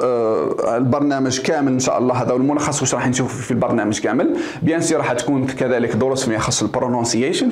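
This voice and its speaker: A man with an Algerian Arabic accent, an English teacher giving an overview of a course and mixing Arabic with English and French terms. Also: mid-range voice. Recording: echoey room.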